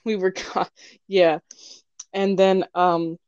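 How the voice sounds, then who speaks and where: A young woman with a fairly low voice tells a story on a casual podcast. She giggles and slips into mocking voices. The sound is dry and somewhat dull. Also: flat delivery, takes it slowly, a little mellow, clear, resonant tone, dry recording. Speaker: podcast co-host.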